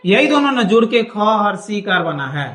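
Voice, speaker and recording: A man's voice: high voice, very animated, moderate pace, noisy background. Guy teaching a class, patient, keeps checking everyone gets it. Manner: patient, repeats checks like "thik hai?". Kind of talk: classroom lesson. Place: small classroom.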